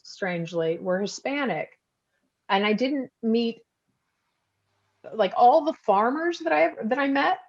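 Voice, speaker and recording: A woman from Texas, an author and documentary photographer, talking casually and reflectively with many restarts during an online event. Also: mid-range voice. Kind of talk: casual talk answering audience questions. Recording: dull lo-fi video call audio.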